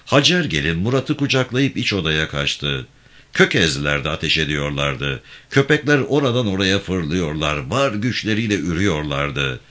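A man reading a novel aloud, expressive and raising his voice for the characters' lines. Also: low voice, normal speed. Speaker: audiobook reader. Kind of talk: read-aloud novel narration.

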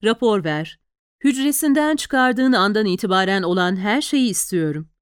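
A woman's voice: medium pitch, lively intonation, moderate pace, clear, resonant tone, dry recording, studio quality, lightly acted. A woman reading an audiobook, voicing a tough female police lieutenant who gives curt, clipped orders. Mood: commanding.

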